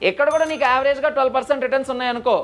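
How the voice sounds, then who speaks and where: A woman's voice: high-pitched, steady tone, rapid-fire, lightly acted. A woman playing a scolding guru who lectures a disciple on money in a comic ad skit. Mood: lecturing. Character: scolding know-it-all guru giving money advice. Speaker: guru giving finance tips. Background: music.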